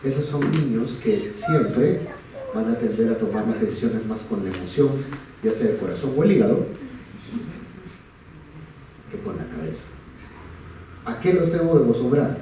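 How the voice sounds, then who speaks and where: Un hombre, psicólogo de colegio, da una charla a padres, hace preguntas al público y cuenta anécdotas propias con diálogos actuados. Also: male voice, mid-range voice, expressive, normal speed, pauses often, mellow. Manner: asks the audience questions, tells a personal anecdote with acted dialogue. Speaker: school psychologist giving a talk to parents. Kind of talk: parent talk with storytelling. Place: large school hall. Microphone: recorded from far off. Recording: echoey hall from far off with noise.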